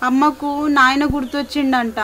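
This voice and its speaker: An actress with a Telangana Telugu accent playing a troubled young married village daughter who gently consoles her mother. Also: high-pitched, flat delivery, moderate pace. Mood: consoling. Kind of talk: family drama acting. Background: background music.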